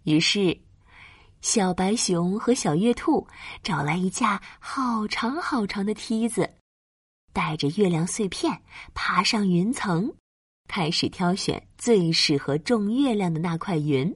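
A woman narrating a bedtime story for small children in a gentle, breathy, dramatized way with drawn-out phrasing. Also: medium pitch, lively intonation, dry recording, studio quality.

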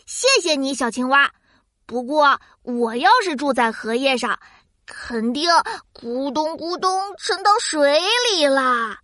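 High, bright, curious cartoon child. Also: female voice, slow, dry recording, clean studio sound, exaggerated voice. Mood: amazed, curious. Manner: childlike, exclaiming, wide-eyed. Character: curious, cheerful little child host, easily amazed. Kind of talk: children's science cartoon presenting and dialogue.

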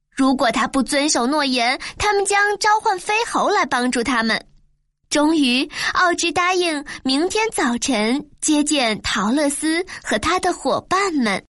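A woman narrating a children's storybook with a clear, expressive reading. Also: high voice, a little slow, dry recording.

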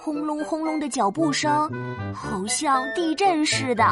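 A woman telling a children's story as a mother, playful and animated, with sound words. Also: sits high, a little slow. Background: children's background music.

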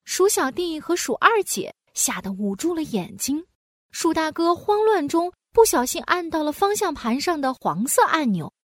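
A woman narrating a children's storybook in an animated, sing-song way, with playful sound words. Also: sits high, normal speed, dry recording.

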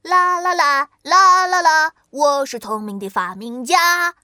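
Bright, high-pitched little girl inventor. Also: expressive, measured pace, dry recording, clean studio sound. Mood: playful singing. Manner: exclamatory, singsong, eager. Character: cheerful, clever little girl inventor, eager and curious. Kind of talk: children's audio story acting.

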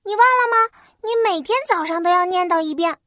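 Tiny fairy girl, very high piping voice, bright, bossy, petulant, children's storybook. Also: brisk, dry recording, clean studio sound. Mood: indignant. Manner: petulant, complaining, emphatic. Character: tiny bossy flower fairy girl, hot-tempered, scolding.

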